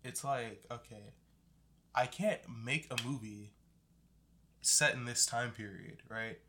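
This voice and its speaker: A young man talks like a laid-back frat bro in an easygoing podcast chat. His speech is casual, slangy and sweary, at an ordinary middle pitch. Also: slow pace, bright, forceful tone, slight background noise. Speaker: podcast co-host. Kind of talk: casual chat about movies.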